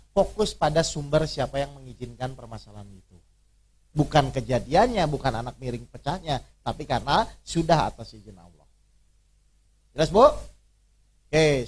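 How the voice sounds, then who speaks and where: A man's voice: high-pitched, fairly bright tone. A male preacher leading an interactive religious workshop, constantly quizzing his audience with questions and teasing them through everyday examples.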